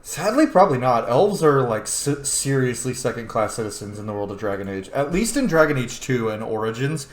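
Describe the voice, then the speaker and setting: A gaming host with a medium-pitched voice runs through a casual playthrough, swearing freely and thinking out loud in a highly animated, fairly fast way with few pauses. The room sounds echoey, and game music plays faintly behind him.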